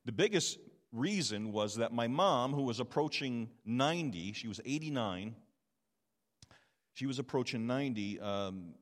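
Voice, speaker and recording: A man's voice: medium pitch, expressive, unhurried. A man in his fifties giving a personal testimony sermon in a chatty, self-deprecating way, often checking in with the audience. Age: 50s. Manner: conversational and self-deprecating, asks the audience "okay?". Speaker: preacher and missionary. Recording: long hall reverb.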